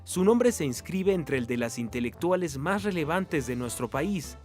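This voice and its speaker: A man reading scripted news narration in a steady, formal way. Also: on the high side, normal speed. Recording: voice-over with faint music.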